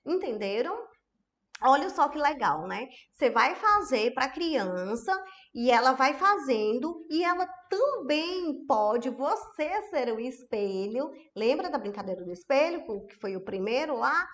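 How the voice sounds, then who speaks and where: A woman's voice: sits high, big pitch swings, measured pace, fairly bright tone. Chatty woman teaching. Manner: chatty, tag questions to the audience. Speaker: educational psychologist. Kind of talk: online masterclass.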